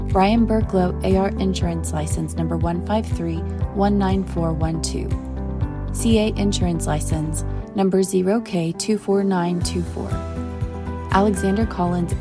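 Female announcer, lower register, impersonal scripted legal disclaimer over clear background music. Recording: music behind the voice.

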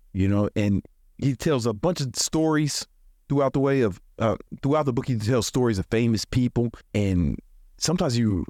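On his podcast, an American man in his forties gives casual pep talk with plenty of profanity and colloquial phrasing, often chuckling. His voice is on the low side and a little mellow, captured in a dry, clean studio recording.

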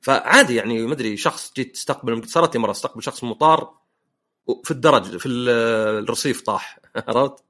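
A man's voice: medium pitch, animated, fast, sharp tone. A man hosting a casual podcast chat, telling jokey personal anecdotes. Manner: anecdotal, joking storyteller. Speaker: podcast host.

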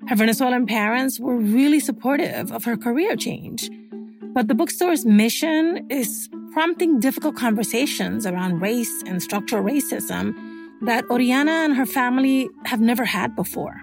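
A woman's voice: fairly high pitch, lively intonation, normal speed, creaky. A woman hosting, reading a scripted introduction of her guest. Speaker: podcast host. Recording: music playing under the voice.

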